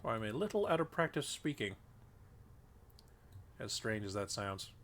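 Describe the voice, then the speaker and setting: A man with a lowish, sing-song voice and a fairly bright tone chats at a moderate pace while streaming a game. He's congested and rambles with many fillers, and his desk microphone carries a little hiss or hum.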